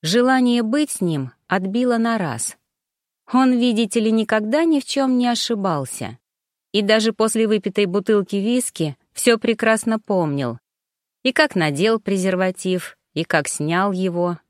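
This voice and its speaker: A woman's voice: mid-range voice, lively intonation, unhurried, dry recording. Woman narrating an audiobook, dry close sound. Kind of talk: scripted narration.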